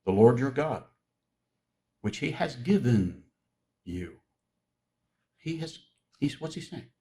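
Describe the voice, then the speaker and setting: Very animated, with a medium pitch and dark tone, a man preaches in a relaxed teaching style. Joking with his congregation, he slows down whenever he wants to stress a key word.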